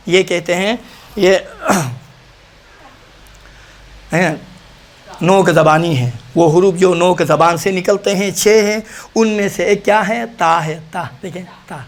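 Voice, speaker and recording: A man teaching Quran recitation in Pakistani-accented Urdu, sounding out letters again and again before he explains how to say them. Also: sits high. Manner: demonstrates letters by repeating them, then explains. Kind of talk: practical pronunciation lesson.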